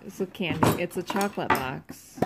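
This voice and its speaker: A woman's voice: on the low side, normal speed, very noisy. A woman chatting casually as co-host in a dusty garage, answering in short, offhand replies. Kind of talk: casual chat.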